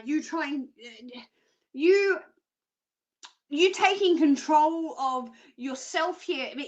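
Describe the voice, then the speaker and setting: A woman's voice: high-pitched, fairly bright tone. A woman presenting a live psychic reading show, chatty and rambling with jokey asides, often checking in with "okay?".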